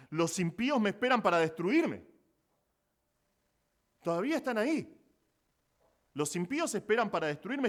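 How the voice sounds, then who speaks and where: Argentine pastor guy preaching in church, kinda high voice, explains then gets loud and urgent. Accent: Rioplatense Spanish. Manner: explanatory preaching, rises to emphatic exclamations. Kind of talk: sermon.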